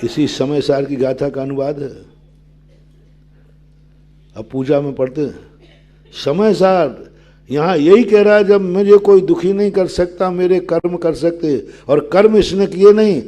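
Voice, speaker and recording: An older man, a Jain monk, giving a sermon that explains scripture, asking his listeners questions and answering them, with verses chanted in a low sing-song. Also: steady tone, a little slow, pauses often, warm tone.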